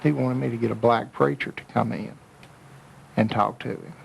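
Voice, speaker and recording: A man's voice: mid-range voice, steady tone, normal speed, creaky, a little hiss or hum, low-quality recording. A man recalling events casually in an interview.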